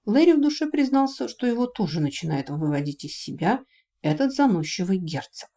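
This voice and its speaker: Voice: medium pitch, very animated, fairly quick, mellow. A narrator reading a fantasy story aloud as an audiobook.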